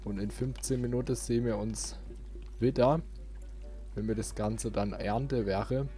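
A man gives casual, informal let's play commentary, often muttering to himself, with game music in the background. His voice is fairly low and mellow, with a steady tone and measured pace.

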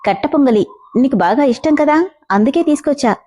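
A woman's voice: sits high, expressive, fairly quick, warm tone. A woman voicing an innocent, devoted little girl, naive and eager.

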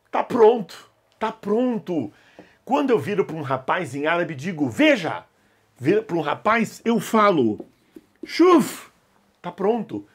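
A man's voice: a little high, slightly rough. A man teaching an online language lesson, coaxing his students to repeat words aloud. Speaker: Arabic teacher.

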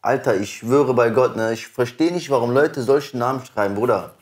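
A young man hosting in casual slang, haltingly searching for words as he goes. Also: medium pitch. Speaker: host reading out comments.

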